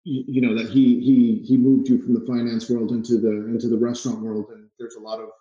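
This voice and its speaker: A man's voice: mid-range voice, flat delivery, fairly quick, warm tone, roomy sound, highs cut off. A man hosting a podcast interview, asking questions hesitantly with many restarts and fillers. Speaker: podcast host.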